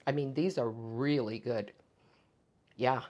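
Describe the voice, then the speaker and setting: A woman with a low voice hosts a casual home baking video. She talks in a relaxed, chatty way, thinking aloud with little fillers and tasting her bread between sentences. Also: slow, muffled recording. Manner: tastes food while talking. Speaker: home baking channel host. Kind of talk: casual cooking vlog.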